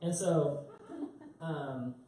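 This young stand-up comic speaks extremely slowly in a mellow voice on the high side, spinning rambling stories at his own expense and laughing at himself in a small club. A far camera records his handheld mic, so there's roomy echo, a distant live feel and a bit of hiss or hum.

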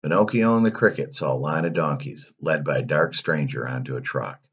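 A man reading a children's story aloud, animated, with playful asides. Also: very deep voice, brisk, slightly rough, lo-fi sound.

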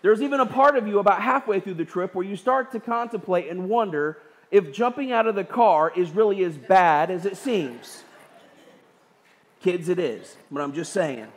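High-voiced pastor, chatty sermon. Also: male voice, moderate pace. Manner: conversational, asks "right?" often, acts out the complainers. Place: church sanctuary.

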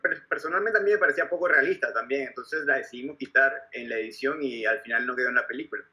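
A man interviewing, a filmmaker asking calm questions in a measured, slightly hesitant way. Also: medium pitch.

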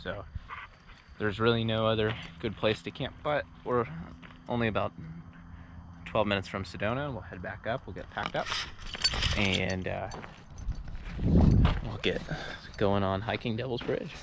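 A man with a low, gravelly voice narrates his camping trip in a loose, easygoing way, full of fillers and restarts. He is outdoors, caught on an action camera mic. Steady background noise sits under his voice. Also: measured pace, pauses often. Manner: relaxed, rambling, many "uh"s and restarts. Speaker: vlogger and trip host. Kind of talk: casual travel vlog narration. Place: outdoors at a desert campsite.

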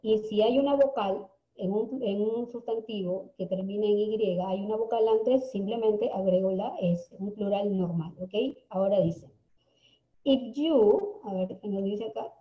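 A woman leads a lesson at an unhurried pace, spelling out words and pausing to ask her class "ok?". Her voice sits in the middle of the range and carries a roomy echo. The recording sounds dull and lo-fi. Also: mid-range voice. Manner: repeats words slowly, checks in with frequent "ok?". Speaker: English teacher.

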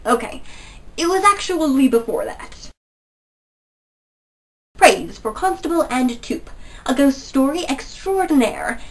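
Her voice sits high and sing-song, moving slowly with frequent pauses. She's a woman in her twenties with a cold-blocked nose, eagerly talking through a book review for a casual video from her small, poster-lined bedroom, captured on a distant mic with poor audio.

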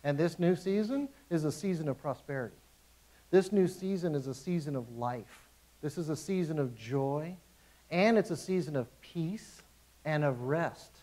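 A man's voice: a little high, lively intonation, normal speed, warm tone, poor audio. A man, a pastor, preaching a conversational sermon in a church, emphatic and informal, repeating his phrases.

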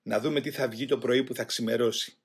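A man reading a first-person memoir aloud in a grave, measured way. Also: mid-range voice, fairly even intonation, breathy edge. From Greece. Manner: grave, measured, voicing shouted quotes louder. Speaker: audiobook reader.

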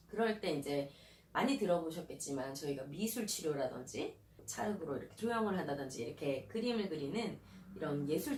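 A woman child counselor giving parenting advice in an animated way, often acting out the questions she would ask a child. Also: low-pitched. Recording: roomy, distant mic, faint hiss.

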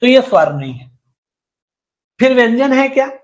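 A man's voice: extremely high pitch, very animated, normal speed. A man teaching Hindi grammar in an exam-prep lecture, who asks and answers his own questions, repeats each point and sounds out syllables for students to copy.

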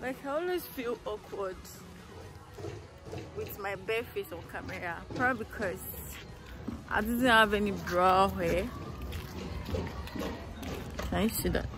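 A young woman with a Nigerian accent walks through a rural neighborhood, vlogging casually into a phone at arm's length, laughing as she chats and slipping into pidgin. Her voice is medium-pitched and a little slow with long pauses, and music plays underneath.

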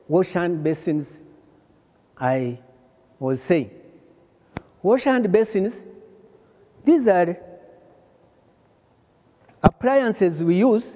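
An older man from Rwanda giving a hands-on plumbing lesson, pausing often and repeating phrases as he shows the parts. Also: high voice, mellow, in a large hall, lo-fi sound. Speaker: plumbing instructor. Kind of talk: slow hands-on trade lesson. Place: large workshop hall.

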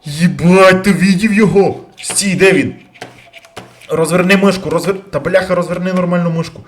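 A man commentating his own gameplay, bursting into loud curses and then dropping to quiet muttering. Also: high-pitched, fairly even intonation, slight background noise. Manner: loud outbursts and heavy swearing; jumpy, rapid switches between yelling and muttering. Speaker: let's play gamer.

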